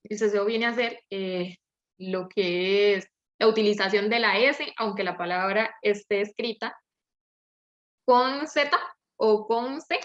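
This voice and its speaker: A woman's voice: medium pitch, slow. A young woman with a Latin American Spanish accent giving a hesitant class presentation, with many fillers. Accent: Latin American Spanish, seseo. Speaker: student presenter. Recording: dull lo-fi audio.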